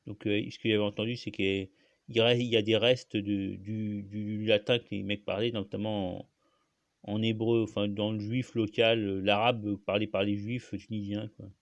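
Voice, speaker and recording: Man, low gravelly voice, dry close sound, rambling solo host full of fillers. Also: flat delivery, moderate pace, dry recording. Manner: rambling, many fillers and restarts, frequent coughs. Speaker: channel host. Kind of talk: casual solo monologue.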